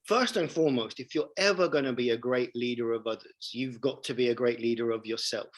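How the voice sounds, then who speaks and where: A man's voice: mid-range voice, brisk, low-quality recording. A man in his forties, a leadership coach telling his story as an interview guest, emphatic and enthusiastic, repeating phrases for emphasis.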